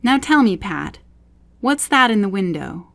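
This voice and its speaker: A woman's voice: mid-range voice, big pitch swings, measured pace, creaky, fairly bright tone, exaggerated voice. A woman voicing an angry, impatient male rabbit master in a storybook, barking orders and scolding. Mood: angry, demanding.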